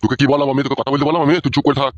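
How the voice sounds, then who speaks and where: A man's voice: mid-range voice, flat delivery, rapid-fire, dry recording, highs cut off, natural voice. A man playing a foul-mouthed, fuming village father. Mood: bullying. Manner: bellowing coarse insults. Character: crude furious middle-aged village father. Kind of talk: comic cartoon dubbing.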